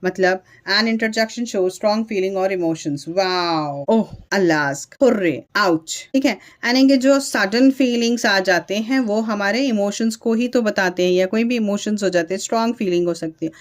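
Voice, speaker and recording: Woman, teacher, grammar lesson, slow read-out definitions, frequent check-ins. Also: medium pitch. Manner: mixes Hindi-Urdu talk with English definitions read slowly; repeats and checks in with "ठीक है". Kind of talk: grammar lesson explaining English and Urdu terms.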